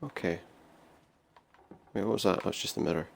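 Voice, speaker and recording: A man's voice: low-pitched, normal speed, gravelly. A man giving casual, wry let's play commentary, musing aloud as he goes. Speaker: game player commentator.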